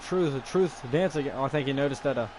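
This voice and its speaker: A man giving relaxed play-by-play commentary on a wrestling video game he is playing, with fillers. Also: medium pitch, fast talker, background noise. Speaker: gaming video creator. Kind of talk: casual let's-play commentary.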